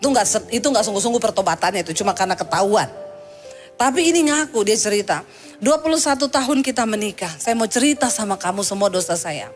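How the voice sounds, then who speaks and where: A woman's voice: medium pitch, fast, soft background music. A woman pastor delivering a sermon, telling a story with humorous asides and vivid quoted voices.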